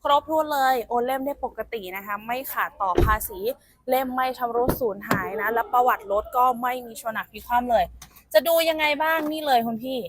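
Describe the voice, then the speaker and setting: A woman's voice: fairly high pitch, a little fast, slight background noise. Chatty saleswoman with a raised voice. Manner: chatty, addresses viewers as elder sibling. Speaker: used car saleswoman. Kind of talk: sales walkaround presentation.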